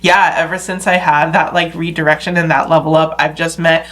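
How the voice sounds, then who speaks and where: A woman's voice: sits low, flat delivery, a little fast, fairly bright tone. A young adult woman from Los Angeles hosting a podcast interview, reflecting openly and filling her speech with "like.". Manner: reflective, filler-heavy, says like constantly. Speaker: podcast host. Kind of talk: casual interview chat.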